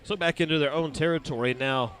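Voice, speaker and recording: At an outdoor stadium, a man calls a high school football game play-by-play, snapping through each down briskly and slipping in sponsor reads. The sound is a bit bright, with a faint hiss or hum.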